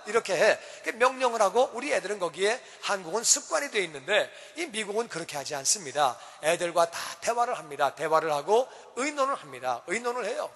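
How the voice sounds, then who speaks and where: A man preaching a sermon as pastor in a church, animated and acting out scenes. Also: high-pitched. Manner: animated, acts out parents shouting at children. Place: church sanctuary. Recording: church hall reverb.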